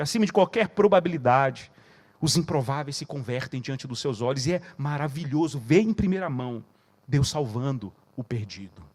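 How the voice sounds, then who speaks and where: A man with a Brazilian Portuguese accent preaching as a pastor at a conference, telling stories and acting out conversations in a quieter voice. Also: a little high. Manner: storytelling, acts out dialogue in a quieter voice. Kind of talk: conference sermon. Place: conference hall.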